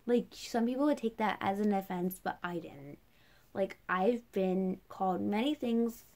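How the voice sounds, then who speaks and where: A young woman vlogs casually, rambling through a personal rant and using "like" as a filler again and again. Her mid-range voice is a little mellow, and she speaks a little slowly.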